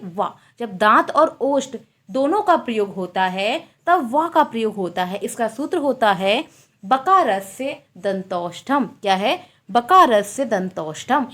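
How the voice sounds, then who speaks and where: A woman's voice: on the high side, a bit bright. A woman teaching a Sanskrit exam-prep lecture, asking questions and repeating the answers.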